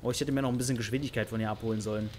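A man's voice: medium pitch, fairly even intonation, very fast, music in the background. A man giving playful, teasing let's-play commentary over a horror game, mock-taunting the characters he hunts. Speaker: gaming YouTuber.

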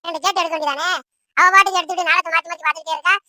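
Squeaky, bright cartoon siblings who whine and tattle in fast bursts, as a performer puts them on. The pitch sits very high and the delivery stays dry and close. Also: fairly even intonation, no room sound, full character voice. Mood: whining. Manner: whining, tattling. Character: squabbling teenage siblings, whiny and quarrelsome. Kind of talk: Tamil cartoon voice acting.

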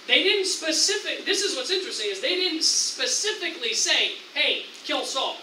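A man with an American accent preaching a sermon as pastor, animated, acting out tempting voices with excited raised lines. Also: very high voice, a little fast, roomy sound, distant mic, slight background noise, poor audio. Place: church sanctuary.

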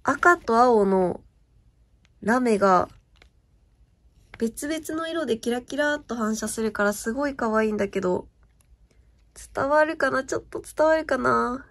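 Slightly high with a fairly bright tone, a young woman vlogs about stationery in a casual show-and-tell chat. She gushes over her purchases and often asks viewers if the sparkle comes across.

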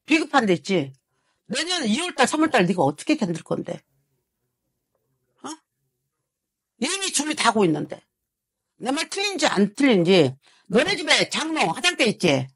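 Husky woman fortune teller scolding harshly. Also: high-pitched, big pitch swings, moderate pace, long pauses, a bit bright, no room sound, clean studio sound. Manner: harsh scolding with swearing and repeated rhetorical prods. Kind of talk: heated consultation with a client.

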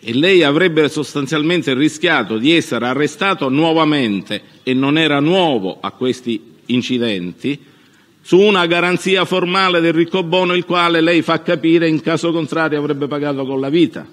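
A man's voice: a little high, a bit bright. Formal male lawyer in an echoing courtroom. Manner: halting, formal, probing. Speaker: lawyer questioning a witness. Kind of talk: courtroom cross-examination. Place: large reverberant courtroom. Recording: echoey courtroom with long reverb.

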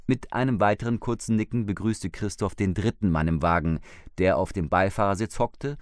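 Low male audiobook narrator, even and measured, dry close studio sound. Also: no echo. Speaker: audiobook reader. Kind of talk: scripted narration.

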